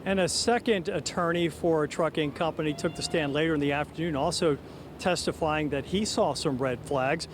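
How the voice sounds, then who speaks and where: Male TV news reporter, fairly high register, formal measured live delivery, recorded outdoors in the city. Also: noisy background. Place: outdoors outside a city courthouse. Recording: live outdoors on an urban street.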